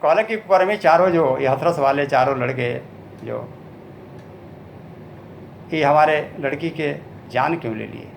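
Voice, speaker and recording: Bhojpuri-accented male folk singer, raised pitch, gravelly texture; spoken narration alternating with sung verses. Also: slight background noise. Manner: slow, drawn-out sung lines between spoken narration. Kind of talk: spoken storytelling broken by sung ballad verses.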